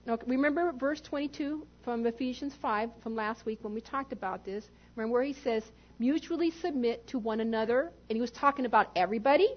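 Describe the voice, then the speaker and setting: High-voiced woman pastor preaching. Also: dull audio. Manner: emphatic, with rhetorical questions to the congregation. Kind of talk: sermon.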